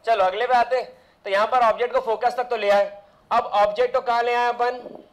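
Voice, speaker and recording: A male physics teacher with a noticeably high voice lectures in a loose, conversational way. He wanders off into side rants and keeps throwing rhetorical questions at the class before coming back to the lesson. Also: steady tone, fairly quick, poor audio.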